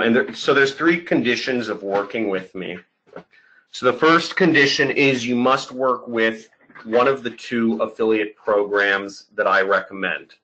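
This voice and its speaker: A man giving an online sales pitch as a marketing coach, emphatic, repeating key points and often checking in with the listener. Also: pushed and bright, dull audio. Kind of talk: webinar sales pitch over slides.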